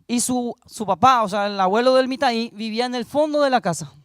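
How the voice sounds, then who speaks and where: Young guy preaching, really high voice, tells stories then gets loud and pushy. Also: brisk, smooth, no echo, studio quality. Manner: storytelling, builds to loud exhortation. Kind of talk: sermon.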